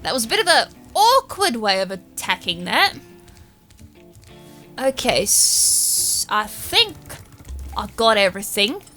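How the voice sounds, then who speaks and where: A woman with an Australian accent giving chatty, excitable let's-play commentary and poking fun at herself. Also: fairly high pitch, slow, long pauses, faint music behind. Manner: excitable, chatty, self-mocking. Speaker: gamer.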